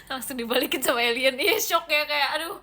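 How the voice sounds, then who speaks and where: A woman's voice: high voice, lively intonation, moderate pace, bright, forceful tone, slight background noise. A woman livestreaming to fans in a casual, playful chat, reading comments aloud and mixing in English words.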